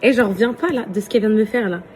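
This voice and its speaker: A woman influencer in a casual phone story, chatting to her followers in a slangy, lively way, laughing often, outdoors in a residential complex. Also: medium pitch, very fast, background noise.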